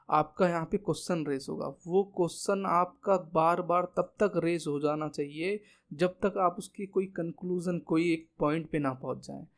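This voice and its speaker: A man's voice: sits high, a little mellow. A man with an Indian accent tutoring students through an exam answer on screen, asking himself questions and answering them. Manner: asks himself questions and answers them, calls listeners friend. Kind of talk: screen-share exam lesson.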